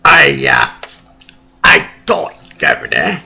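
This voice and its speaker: A man puts on a goofy British joke-teller with a very gravelly, sharp voice and a put-on British accent. He drags every word out very slowly and swings his pitch up and down as he rambles, giggling at his own joke. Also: huge pitch swings, heavily acted. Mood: joking. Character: goofy male Brit joke-teller, slow-witted and giggly. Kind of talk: comedic character monologue.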